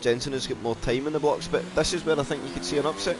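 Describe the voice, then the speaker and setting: A man with a South African accent commentating an online racing league, calling out lap times in a brisk, chatty way. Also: a little high, steady tone, background noise. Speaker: race commentator.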